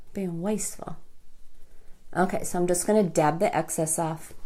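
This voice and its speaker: A woman's voice: on the low side, darkish tone. A woman hosting a casual makeup tutorial live stream, chatting with her viewers by name as she works. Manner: chatty, talks to viewers by name while working.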